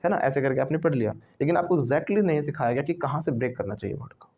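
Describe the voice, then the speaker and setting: Speaking fast in a mix of Hindi and English, a man teaches a class English, drilling them with questions and having students repeat words after him. His voice is a little high, animated, mellow, and husky.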